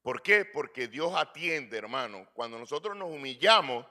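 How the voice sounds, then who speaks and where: Man, pastor, sermon, earnest, rhetorical questions, bright voice. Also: medium pitch, animated, moderate pace. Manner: earnest preaching, asks rhetorical questions and addresses listeners as brother.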